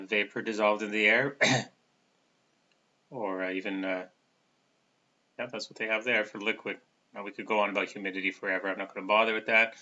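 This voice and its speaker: A man giving a recorded chemistry lecture in a casual, halting way, with many fillers. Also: lowish voice, pushed and bright. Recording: dull lo-fi recording.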